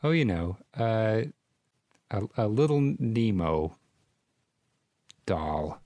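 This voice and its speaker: Calm deadpan comic host, man, low voice, dry studio sound, fake-hypnotist tone. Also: slow, dry recording. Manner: calm, mock-reassuring, deadpan. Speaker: comedy podcast co-host. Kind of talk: mock guided meditation, deadpan comedy.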